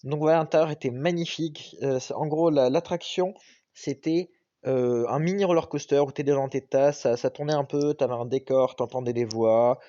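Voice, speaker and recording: A man's voice: mid-range voice, moderate pace, mellow, dry recording. A young man doing a casual, enthusiastic vlog voice-over, with frequent hesitations. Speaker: vlogger. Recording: dull lo-fi dry recording.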